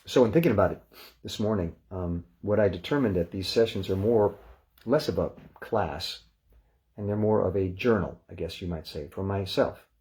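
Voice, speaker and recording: A man leading a guided relaxation session, speaking in a calm, unhurried, gently instructive way. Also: sits low.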